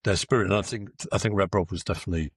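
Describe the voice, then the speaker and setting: A man's voice: sits low, steady tone, rapid-fire, breathy edge, no room sound, studio quality. A man on a football podcast panel, wry and hesitant, restarting his sentences. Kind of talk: casual football chat.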